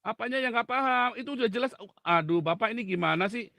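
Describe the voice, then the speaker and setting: A man's voice: very high voice, lively intonation, fast talker, gravelly, bright, forceful tone. A man, a pastor on a video call, arguing heatedly and cutting in again and again. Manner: argumentative, interrupts, ends lines with "Pak". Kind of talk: heated debate.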